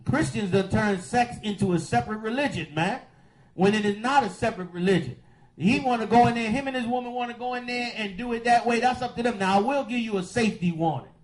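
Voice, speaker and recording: A man hosts a call-in radio show in the manner of a preacher. His voice sits fairly high, and he stretches out key words with slow, emphatic weight. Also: poor audio. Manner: preachy, drawn-out emphatic delivery.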